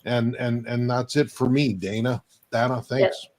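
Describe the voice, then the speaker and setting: A man's voice: mid-range voice, fairly even intonation, measured pace, a little mellow. A man from Canada in his fifties, a guest on a live online interview, telling his story plainly and steadily.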